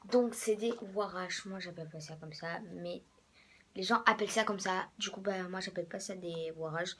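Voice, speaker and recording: A hoarse young woman, a bit sick, rambling casually about her sneakers with many fillers and drops to a whisper. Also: on the low side, normal speed, a bit bright, slight background noise. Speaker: vlogger. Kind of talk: casual sneaker show-and-tell.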